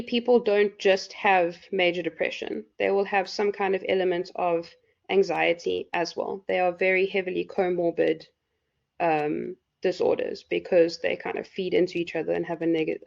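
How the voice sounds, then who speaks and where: Woman lecturer, croaky and low-pitched, rambling live class talk. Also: steady tone, normal speed. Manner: loose, filler-heavy explaining. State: hoarse. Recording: dull lo-fi recording.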